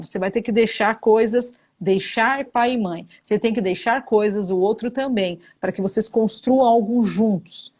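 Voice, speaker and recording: A middle-aged woman, a psychologist, giving blunt, emphatic relationship advice in a live talk, repeating her key points with religious framing. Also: mid-range voice. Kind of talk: live advice talk answering viewer questions.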